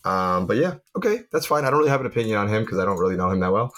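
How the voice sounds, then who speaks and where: A man's voice: on the low side, very fast. A man co-hosting a casual gaming podcast, reading a cast list aloud and looking up names as he talks. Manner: animated, reads a cast list aloud and looks things up. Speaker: podcast co-host. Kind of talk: casual chat.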